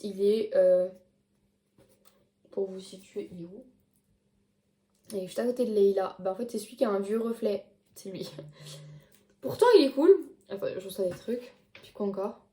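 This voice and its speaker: A young woman talks casually through her reading of the past year, holding up books and restarting her sentences often. Her voice sits in a middle pitch. The room around her is echoey. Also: normal speed, long pauses, mellow. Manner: chatty, many fillers and restarts, showing books to camera. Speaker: book vlogger. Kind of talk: casual chat.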